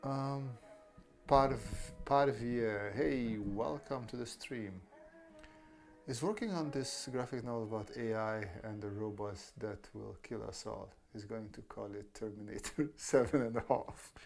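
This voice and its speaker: Soft background music accompanies a man hosting a casual art stream, where he responds to chat and guides viewers through the drawing process. He speaks at a measured pace in a lowish, creaky voice.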